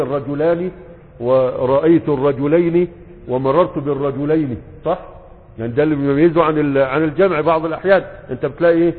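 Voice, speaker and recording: A man's voice: a little high, slightly rough. A man with an Egyptian Arabic accent teaching a grammar lesson as a sheikh. He asks questions and answers them himself, and he stretches out the example words. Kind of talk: classroom lesson. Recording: phone-like sound with long reverb.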